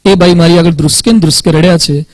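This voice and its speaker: A man's voice: fairly high pitch, steady tone, fast, no echo, low-quality recording. A man with a Gujarati accent giving a motivational talk to students, telling stories and acting out dialogue, with English words mixed in.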